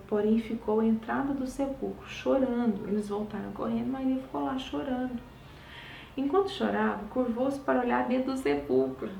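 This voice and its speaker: A woman reading scripture aloud at home and breaking off into expressive, exclamatory asides to her listeners. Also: fairly high pitch, vocal fry, a little hiss or hum. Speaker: Bible study leader. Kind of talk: devotional Bible reading with commentary. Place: home at night. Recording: roomy, distant mic, faint ambience.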